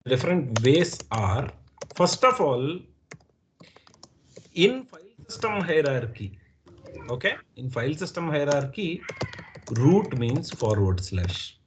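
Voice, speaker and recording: A man's voice: mid-range voice, very animated, slow, pauses often. Indian guy teaching a class online, patient, keeps asking understood?, bit of hiss. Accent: Indian English. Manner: patient, repeats and checks understanding. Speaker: instructor.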